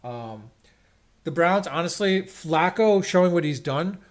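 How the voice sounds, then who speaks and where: A male live streamer sits at home watching scores on his screen, rambling about football with plenty of restarts and firm opinions. He sounds animated, with a voice on the high side and a slightly slow delivery.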